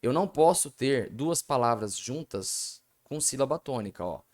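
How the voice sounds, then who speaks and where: A man with a Brazilian Portuguese accent teaches a video lesson working through exam questions, in a medium-pitched, slightly mellow voice with lively intonation and a moderate pace. Chatty, he calls the viewers "gente" and keeps posing questions to himself and then answering them.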